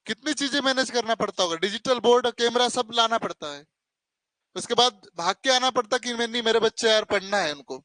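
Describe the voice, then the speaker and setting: A coaching teacher with an extremely high pitch talks fairly quickly in a pushed, bright voice as he teaches math to students in class and online. Stern and scolding, he calls them "beta" and keeps asking "hai na?". The recording is dry and low-quality.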